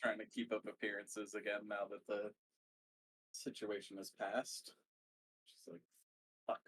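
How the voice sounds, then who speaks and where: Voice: low voice, steady tone, unhurried, a bit bright, breathy edge, low-quality recording. A player chatting casually and profanely during a tabletop role-playing game.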